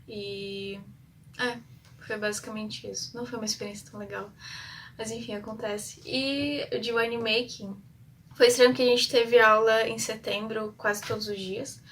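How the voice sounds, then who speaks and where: A young Brazilian woman tells a casual vlog story in a flat, even tone, full of fillers and stray English words. She sounds a bit distant from the mic, with a faint hum of ambient noise behind her. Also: on the high side, moderate pace. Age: young adult. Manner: chatty, rambling with many fillers and English terms; shy by her own account. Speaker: exchange student vlogger.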